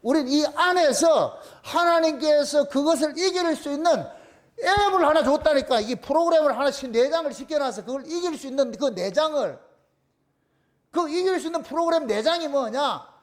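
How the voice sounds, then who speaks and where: Here a pastor delivers a sermon at normal speed, his male voice extremely high and expressive, carrying a Gyeongsang Korean accent. He questions the congregation and answers for them, staying emphatic and repeating phrases for emphasis.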